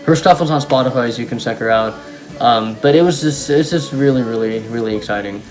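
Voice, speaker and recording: A young musician whose first language is German talks casually to camera about his song, with music playing behind him. His medium-pitched voice is brisk and a little mellow. He rambles enthusiastically with many ums and restarts, and the recording is rough.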